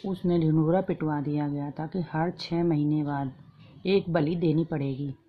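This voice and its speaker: A woman casually retelling a folk fasting tale in a plain, homely way with repeated phrases and fillers. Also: low-pitched, steady tone, muffled recording. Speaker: storyteller.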